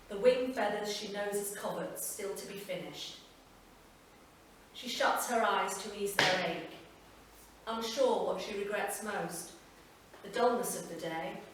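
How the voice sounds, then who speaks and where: The speaker is a woman reading literary fiction live at a festival, her mid-range voice set back in a strongly echoing space with low background hum. Unhurried and measured, her delivery lets sentences fall softly at their close.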